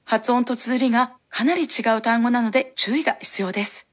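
A woman hosting a language lesson, giving clear, instructive scripted explanations on a studio microphone. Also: on the high side, a little fast.

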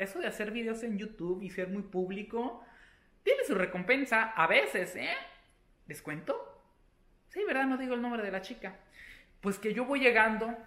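Animated man vlogger in an echoey room. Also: sits high. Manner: animated and playful, with sudden loud exclamations. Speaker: beauty vlogger. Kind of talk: casual chatty storytelling to camera.

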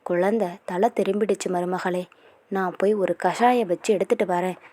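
A woman voicing a brisk, commanding old grandmother who scolds and teases her grandsons, in a storybook reading. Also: fairly low pitch, steady tone, warm tone, dry recording, natural voice. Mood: scolding.

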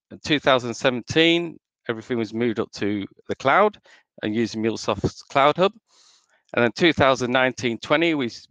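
A man's voice: mid-range voice, a bit bright, clear, resonant tone, dry recording, muffled recording. A man from Northern England, with an accent mixed with Australian and American traces, giving a conversational meetup presentation as an integration manager, with frequent ums. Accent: Northern English with Australian and American traces. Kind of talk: conference presentation.

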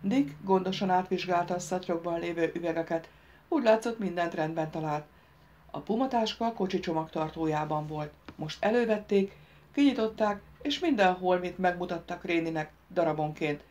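Woman, audiobook narrator, measured storytelling, lifts voice for dialogue. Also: fairly low pitch. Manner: reads dialogue lines louder and livelier than narration.

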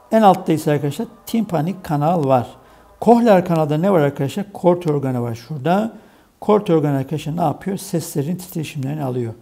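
Gravelly-voiced man teaching biology. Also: a little high, mellow. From Turkey. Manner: explains step by step, asks questions and answers them himself, repeats key terms. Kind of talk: exam solution lesson.

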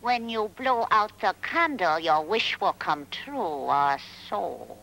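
A man's voice: sits high, sing-song, takes it slowly, vocal fry, bright, forceful tone, heavily acted, rough recording. A man voicing a dim chimp henchman who speaks in broken English. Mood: scheming. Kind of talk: dubbed TV comedy.

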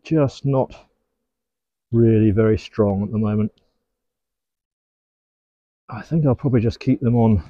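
Out in his garden apiary, an English beekeeper in middle age narrates his hive work in a laid-back way, addressing the bees fondly. He has a lowish, mellow voice, a slightly slow delivery and long pauses. The audio is free of room sound but lacks high end.

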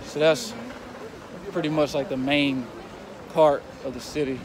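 A man in his twenties, a football player, walking through a city and talking casually to his phone camera, relaxed and grateful. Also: on the high side, unhurried. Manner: relaxed, grateful, talks while walking outdoors. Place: outdoor city streets and square. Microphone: phone camera held at arm's length. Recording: street noise and passing traffic.

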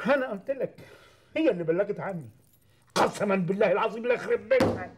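A man's voice: high-pitched, animated, quick pace, noisy background. An actor playing an angry, vengeful man betrayed by a woman, in a TV drama. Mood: furious. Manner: agitated, indignant outbursts. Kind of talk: TV drama acting.

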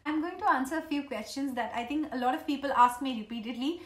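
A woman in her thirties with an Indian accent chats casually and ramblingly to camera as a vlogger, speaking fast in a high-pitched voice. She's indoors in a small living room at home, and the recording carries that room's roomy echo.

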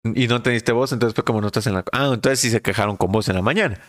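A man's voice: medium pitch, fast talker, no room sound, studio quality. A man chatting and joking casually on a live stream.

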